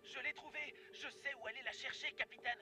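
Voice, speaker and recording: A man's voice: very high voice, a little fast, noisy background. An actor playing an eager young sailor and soon-to-be father, talking breathlessly and urgently, heard as an old cassette tape recording. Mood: excited.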